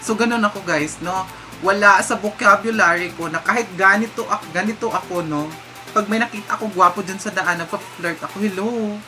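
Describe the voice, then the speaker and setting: A man's voice: sits high, a little fast, pushed and bright. A man with a Visayan accent chatting casually through a vlog Q&A, giggly and slipping English phrases into his talk. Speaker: vlogger. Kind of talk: casual Q&A chat. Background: background music.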